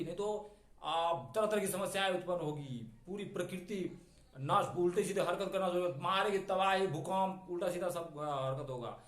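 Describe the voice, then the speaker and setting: High-voiced man teaching vocabulary. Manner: chatty, digressive, repeats key words slowly. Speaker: English teacher. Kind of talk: spoken vocabulary lesson. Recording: echoey room.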